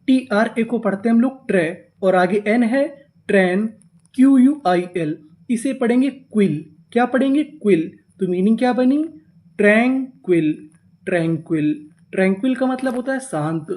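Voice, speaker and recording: A man teaching a class on reading English words, patiently spelling out letters, asking questions back and repeating each word slowly. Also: sits high, a little mellow. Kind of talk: step-by-step spoken lesson.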